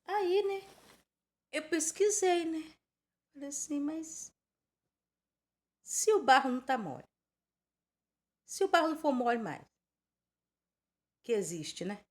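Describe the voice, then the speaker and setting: Animated chatty woman preacher. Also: high voice, slow pace, pauses often. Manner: animated, chatty, rambling with diminutives and rhetorical questions. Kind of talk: informal Bible teaching.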